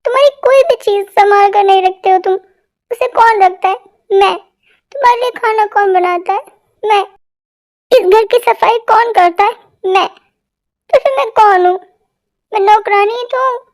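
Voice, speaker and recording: A dramatic young wife, whiny and tearful, played by a woman in a homemade fan dub. Her voice is extremely high-pitched, and it breaks into sobs and accusations. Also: measured pace, long pauses. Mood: tearful accusing. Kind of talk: amateur Hindi fan dub.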